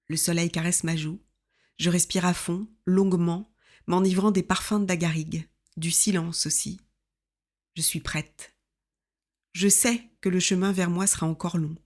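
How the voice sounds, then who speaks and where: A woman in her fifties reading her own memoir aloud in an intimate, reflective, measured way. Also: lowish voice, darkish tone. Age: 50s.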